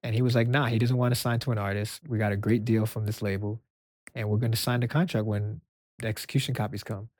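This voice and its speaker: A soft-spoken man from Brooklyn, a music executive guest, telling stories in an interview and acting out the dialogue. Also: on the low side, quick pace, no echo, studio quality. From Brooklyn, New York. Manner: animated storyteller acting out quoted dialogue. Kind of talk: storytelling interview answers.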